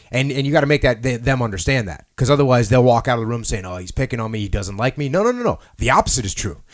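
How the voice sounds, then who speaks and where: A man's voice: mid-range voice, dry recording, clean studio sound. A man hosting a leadership podcast, talking in an emphatic, punchy way and repeating key phrases. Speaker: podcast host. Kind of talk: leadership discussion.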